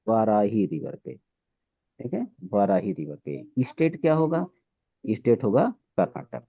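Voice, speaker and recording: A man's voice: medium pitch, slightly rough, no room sound. A man teaching an exam-prep lesson to students, drilling facts and repeating "theek hai" after each point. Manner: repetitive, keeps saying "theek hai". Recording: tinny phone-like audio.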